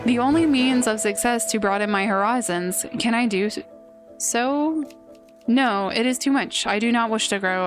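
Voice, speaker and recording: A woman reading out a dull, bored businessman who speaks in a flat, formal way while giving a presentation. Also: a little high, lightly acted. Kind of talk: reading game dialogue aloud. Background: game music.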